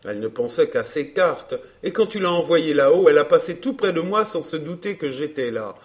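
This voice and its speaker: A man reading a glib, self-assured gentleman in an audiobook dialogue, smooth and bantering. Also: fairly high pitch, animated, a little fast, natural voice.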